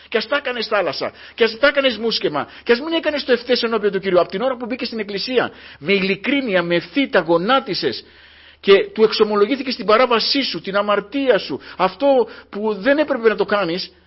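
A man's voice: sits high, husky, lo-fi sound. A man preaching a fervent sermon to his congregation, often breaking in with a refrain of thanks to God.

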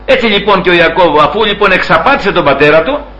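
A man preaching a sermon, retelling a story with lively acted-out dialogue and occasional laughter. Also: low-quality recording. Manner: acts out quoted dialogue with raised pitch, laughs while telling.

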